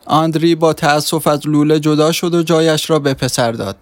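A male narrator reading a short story aloud with steady pacing, his voice a little higher than usual. The recording is dry and close. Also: no room sound. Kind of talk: scripted audiobook narration.

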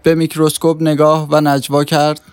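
A male narrator reading a short story aloud with steady pacing, his voice a little higher than usual. The recording is dry and close. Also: smooth, dry recording. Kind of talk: scripted audiobook narration.

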